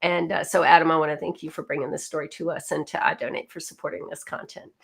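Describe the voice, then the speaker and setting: A middle-aged woman with a light Southern accent hosts a webinar in a chatty, easygoing way, with plenty of ums. She has a cold, and her voice sits a little low for a woman. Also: little pitch movement, quick pace, vocal fry, husky. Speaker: webinar host. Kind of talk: conversational webinar hosting.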